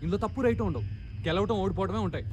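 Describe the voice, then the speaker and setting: A hard-line rebel commander from a film drama. His voice is somewhat high and his delivery very fast and firm. Outdoor noise and birds are clearly heard behind him. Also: lively intonation. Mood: stern. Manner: firm and dismissive.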